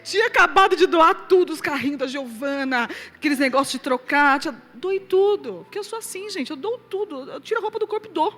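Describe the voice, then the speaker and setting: Animated high-voiced Brazilian woman preacher. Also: brisk, hardly any pauses. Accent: Brazilian Portuguese. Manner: animated storyteller, swings loud and soft, laughs along. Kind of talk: testimony to a live audience.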